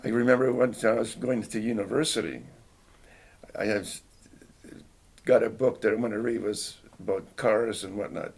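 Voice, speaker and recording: In an oral history interview, an elderly man from Canada, originally a Finnish speaker, looks back on his childhood. His lowish voice is slightly mellow and moves at normal speed, while his manner is hesitant and reflective, full of restarts and throat clearing.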